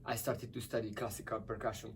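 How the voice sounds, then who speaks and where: A man's voice: lowish voice, level tone, fast, slight background noise. A middle-aged man from Hungary, a guest musician telling stories cheerfully and laughing often. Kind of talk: conversational interview. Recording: distant from the mic.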